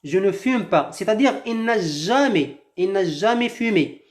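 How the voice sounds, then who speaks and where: A woman teaching a language lesson, reading a short text aloud and explaining each new word slowly, rephrasing it with several synonyms. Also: mid-range voice, expressive. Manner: slow and deliberate, repeats and rephrases words with several synonyms. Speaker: French teacher.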